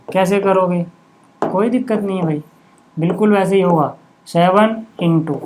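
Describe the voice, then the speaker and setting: During a board-based maths lesson, a man with a high-pitched voice teaches casually, often pausing for short asides to make sure his class is following. Slight background noise can be heard.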